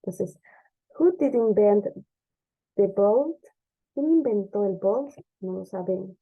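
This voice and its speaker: A woman teacher explaining English grammar step by step, often checking understanding with a quick "ok?" or "¿sí?". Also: medium pitch, lively intonation. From Ecuador. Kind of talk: classroom grammar lesson. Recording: dull lo-fi lesson recording.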